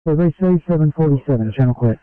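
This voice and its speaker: Radio dispatcher over walkie-talkie. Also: male voice, a little high, expressive, fast talker, no echo. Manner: crisp read-backs of messages. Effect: heard over a walkie-talkie radio. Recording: narrow phone-like radio sound.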